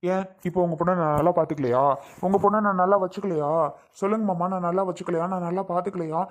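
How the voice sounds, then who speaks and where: A man's voice: high voice, fairly even intonation, fast, lightly acted. A man playing a young husband and father who is defiant and heated, firing repeated questions, in a family drama skit. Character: young husband, protective and hot-tempered father.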